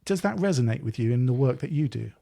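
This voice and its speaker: Podcast host, man, thoughtful and rambling, dark gravelly voice. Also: mid-range voice, lively intonation, quick pace. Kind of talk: interview chat.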